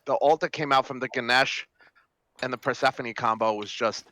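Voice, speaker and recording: A man's voice: mid-range voice, steady tone, normal speed, pushed and bright, no room sound. A man doing casual esports play-by-play commentary, rambling with fillers and restarts. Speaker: esports caster. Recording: music bed behind voice. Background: game music.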